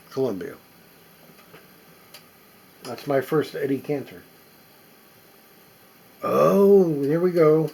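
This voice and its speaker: A middle-aged or older record collector presents his finds in casual, unscripted show-and-tell, musing aloud haltingly as he inspects things. His voice sits on the high side and is husky.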